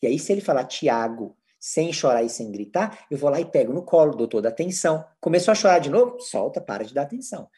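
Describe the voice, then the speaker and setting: A man's voice: a little high, very animated, fast talker, hardly any pauses, mellow. A man with a Brazilian Portuguese accent giving a lecture as a psychologist, teaching step by step and answering his own rhetorical questions.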